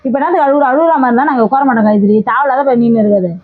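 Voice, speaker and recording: Rapid-fire, curt, defensive woman. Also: high voice. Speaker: vlogger in a staged argument. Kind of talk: heated confrontation. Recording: tinny phone-like sound.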